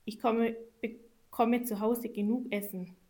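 A woman's voice: fairly high pitch, steady tone, takes it slowly, dark tone. Brief: woman playing a cool storybook cat, dry and sceptical. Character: cool, aloof house cat, female.

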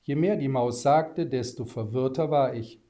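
Brief: man narrator, warm and mellow, measured storybook reading. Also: medium pitch.

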